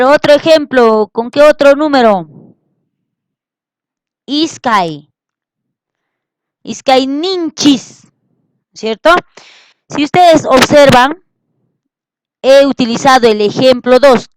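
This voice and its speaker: Slow, patient woman language teacher. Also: high voice, smooth, no echo, low-quality recording. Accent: Peruvian Spanish. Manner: slow, patient, repeats words and checks understanding. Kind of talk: classroom lesson.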